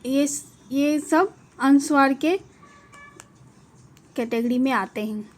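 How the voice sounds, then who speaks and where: A woman giving a Hindi grammar lesson, spelling out each letter slowly and deliberately. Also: sits high. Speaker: teacher.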